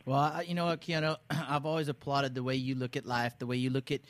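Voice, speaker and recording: A man's voice: medium pitch, flat delivery, fast, dry recording. A man hosting a casual interview in an effusive, rambling way, restarting his phrases. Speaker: interview host.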